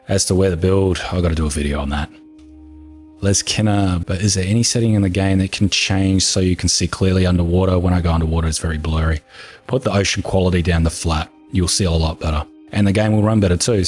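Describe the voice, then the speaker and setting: A very low, husky-voiced man from New Zealand, a gaming video creator, takes viewer questions in a relaxed Q&A with faint, soft music underneath. He's unhurried, calm, soothing and matter-of-fact, his voice a bit hoarse after talking for more than an hour.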